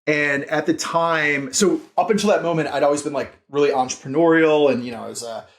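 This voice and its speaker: A company founder and CEO appears on a podcast, an American in his thirties recounting his career in a relaxed interview. His pitch runs fairly high and his pace a little quick, and his earnest, meandering sentences are full of "like."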